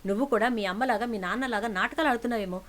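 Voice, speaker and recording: A woman's voice: on the high side, racing, a bit bright, lightly acted. A woman voicing a stern, suspicious middle-aged uncle who scolds his niece. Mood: scolding. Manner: scolding, accusing.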